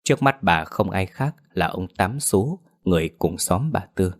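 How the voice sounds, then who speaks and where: A man narrating a scripted horror story in a steady, measured way. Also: sits low.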